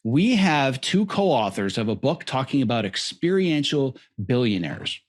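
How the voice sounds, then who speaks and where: Animated male podcast host. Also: medium pitch, measured pace. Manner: lively, effusive introductions. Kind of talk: interview.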